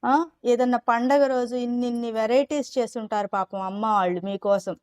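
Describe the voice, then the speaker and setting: A woman's voice: fairly high pitch, fairly even intonation, a little fast, darkish tone. A woman teacher talking patiently to young children, asking them questions and coaxing answers. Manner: mimics whiny children's talk when quoting. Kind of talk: teaching children in a live class.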